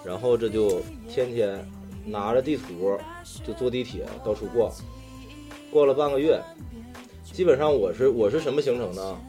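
A man's voice: medium pitch, normal speed, dark tone, faint music behind. A man from northeastern China with a Northeastern accent, chatting casually and telling personal anecdotes in an earthy, slangy way with some swearing. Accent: Northeastern Chinese. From Daqing, northeastern China. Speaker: talk show storyteller among friends.

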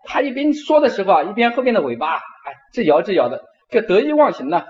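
A middle-aged man, a university professor, giving a lecture and telling stories with drawn-out particles. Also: sits high, highs cut off. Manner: animated storyteller, frequent drawn-out particles. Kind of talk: lecture with storytelling.

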